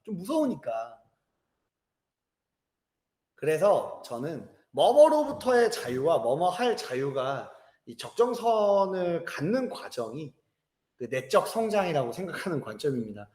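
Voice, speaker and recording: A man in his thirties teaching a lecture, telling stories lively, joking with students and acting out voices. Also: a little high, unhurried, roomy sound. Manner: lively storytelling, acts out voices, jokes with students. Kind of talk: animated classroom lecture. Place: classroom.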